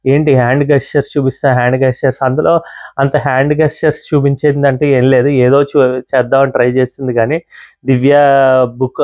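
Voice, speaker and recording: A man reviews a reality show episode in a casual, chatty monologue packed with fillers, dropping English words into his speech. His voice is medium-pitched and a little mellow, and the recording is dry and muffled.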